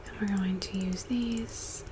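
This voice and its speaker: A woman in an ASMR role-play, speaking gently and intimately right in the listener's ear, guiding in an unhurried, soothing ASMR style. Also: medium pitch, fairly even intonation, noisy background. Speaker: ASMR host playing a friend giving reiki.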